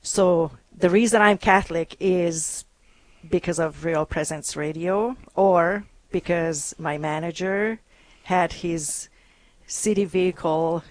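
A woman from Hungary, a guest on a radio show, telling her story earnestly with many pauses and ums. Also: on the low side, no echo. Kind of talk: interview conversation.

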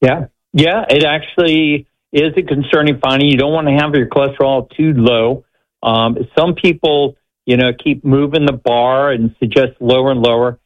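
A man with a medium-pitched voice speaks as a doctor guesting on radio. He explains things conversationally, in measured, halting phrases. The audio is a little dull and band-limited. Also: steady tone.

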